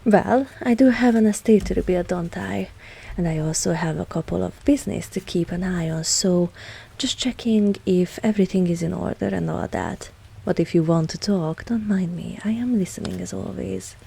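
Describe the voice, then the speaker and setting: In an intimate ASMR roleplay, a woman plays a dominant, seductive vampire mistress, speaking softly with measured, coolly protective authority. Her voice sits on the low side and is creaky and husky, her mood composed and attentive.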